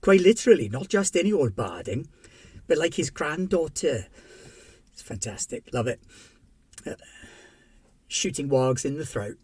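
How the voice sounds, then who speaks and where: A game master and channel host wraps up a tabletop game stream with casual chat, joking about next week's games in a playful, bouncy way. His voice is on the high side, darkish and husky, very animated yet a little slow with long pauses. The recording is dry.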